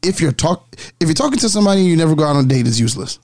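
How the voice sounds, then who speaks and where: Guy explaining his take in a casual chat, lively pitch, dry close sound. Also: rapid-fire, no room sound. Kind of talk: casual group discussion.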